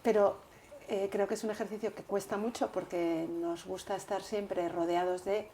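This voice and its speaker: Warm, low-toned woman speaking earnestly. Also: fairly even intonation, a little hiss or hum. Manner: earnest, measured, repeats words while thinking. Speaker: interview guest. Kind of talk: reflective interview talk.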